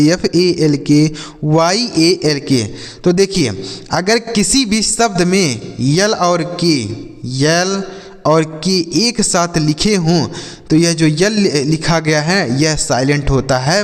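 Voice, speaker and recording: Male teacher, a little high-voiced, asks questions and answers them himself, reverberant room. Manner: spells words letter by letter and answers his own questions; addresses viewers as friends. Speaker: English teacher. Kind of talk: classroom-style lesson.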